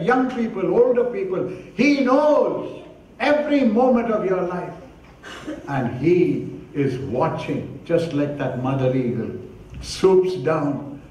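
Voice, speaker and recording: A man with a high voice preaches slowly and deliberately, telling an animated story. He punctuates it with repeated exclamations. The sound comes from a distant mic in a strongly echoing hall with faint noise. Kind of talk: sermon.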